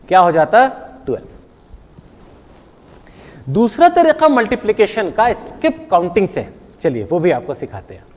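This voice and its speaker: A male teacher walks his class through a math lesson with a playful, animated manner. His voice sits high and swings widely in pitch. The recording carries a long reverb, like a big room. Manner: playful, animated, counts aloud, checks in with "है ना?".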